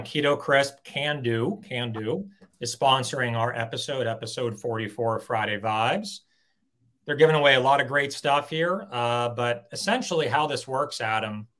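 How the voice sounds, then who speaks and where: A man's voice: medium pitch, a bit bright. A man co-hosting a live talk show, enthusiastic and casual, explaining a giveaway segment and swearing freely. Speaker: co-host.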